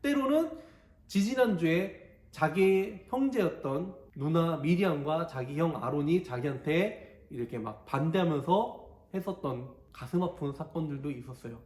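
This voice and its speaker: Animated male pastor, high voice, acts out the story, echoey room. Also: moderate pace. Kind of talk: animated sermon for a church ministry. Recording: echoey church hall.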